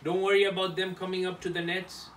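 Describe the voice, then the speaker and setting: A man's voice: sits high, completely flat delivery, fast, a bit bright. A man giving a motivational team talk as a leader, emphatic, repeating short phrases. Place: echoey indoor room, locker room. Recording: roomy, distant mic, background noise.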